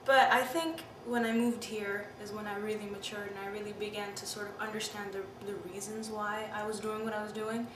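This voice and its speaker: This twenty-something woman from Pakistan talks a little fast with few pauses, her medium-pitched voice level in tone. Reflecting candidly on her own experiences in an interview, she leans on "you know" and "I mean," and the roomy recording has a distant mic and background noise.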